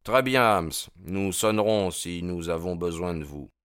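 A man voicing a sharp, methodical male detective who asks measured, courteous questions. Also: sits low, clear, resonant tone, no echo, studio quality. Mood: inquiring.

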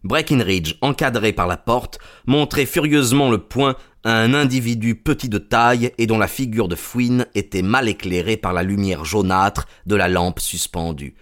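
A man narrating a story in a measured, deliberate reading. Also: fairly low pitch, a bit bright.

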